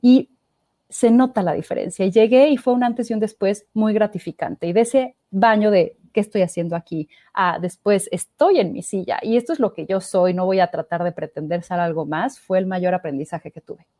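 A woman's voice: medium pitch, moderate pace, no room sound, clean studio sound. A woman in her thirties with a Mexican accent, telling her story as a podcast guest. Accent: Mexican Spanish. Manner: expressive storyteller, acts out quoted voices. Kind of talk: casual conversational interview.

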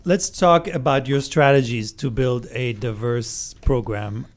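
A man interviewing a guest, asking polite, measured questions. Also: medium pitch.

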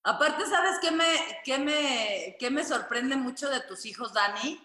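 A woman co-host teases and questions the children playfully. Her voice is bright and fairly high, and the room echoes around it. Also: animated, unhurried. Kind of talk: casual TV chat.

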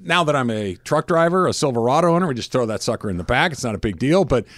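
A man's voice: mid-range voice, expressive, quick pace, a bit bright, no echo, studio quality. A man hosting a sports radio show, chatting casually and laughing often.

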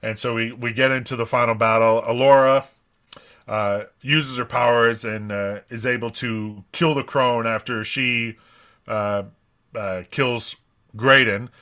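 Man, bright ringing tone, casual podcast chat, rambling recap, lots of fillers. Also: medium pitch, steady tone, a little slow, clear, resonant tone. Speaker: podcast panelist recapping a show.

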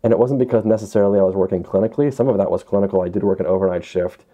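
Man, interview guest, lowish pitch, candid, halting thinking-aloud delivery, dull lo-fi call audio. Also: dark tone. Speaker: emergency doctor, interview guest. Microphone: remote call.

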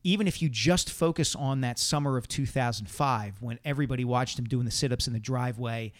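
A man, a sports columnist, chatting on a podcast in a brisk, explanatory way, laying out his points in order. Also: mid-range voice. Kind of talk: casual chat.

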